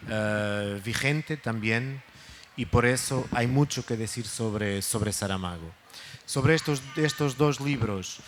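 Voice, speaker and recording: A man's voice: mid-range voice, a bit bright, a little hiss or hum. A man, a native Portuguese speaker, talking in Spanish with a Portuguese accent as a guest at a book event, hesitant and searching for words. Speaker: guest speaker, literary foundation director. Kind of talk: talk at a book fair event.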